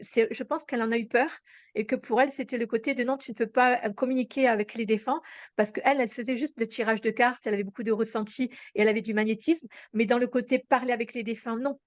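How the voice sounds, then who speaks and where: A woman guest in a conversational interview, telling a personal story in an earnest, halting way with many fillers and restarts. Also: fairly high pitch.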